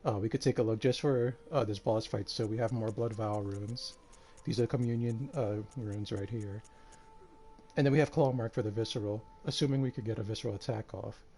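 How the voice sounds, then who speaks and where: Tired, mellow-voiced male streamer. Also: on the low side, brisk. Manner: relaxed, rambling with many fillers. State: tired and out of breath. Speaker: game streamer. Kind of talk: casual live-stream commentary.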